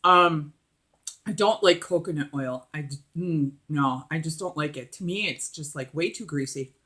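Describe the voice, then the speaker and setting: Casting: middle-aged woman, mukbang host, sharp bright voice, emphatic casual chat between bites. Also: sits low, normal speed. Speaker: mukbang vlogger. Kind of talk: casual chat while eating.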